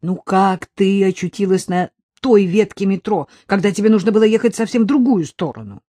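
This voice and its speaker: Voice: medium pitch, expressive, a little fast, dark tone, no echo, clean studio sound, pitched above the performer's own voice, close to an everyday voice. An audiobook reader voicing an irritated husband who scolds his wife sarcastically during a quarrel. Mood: scolding. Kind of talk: audiobook character voice.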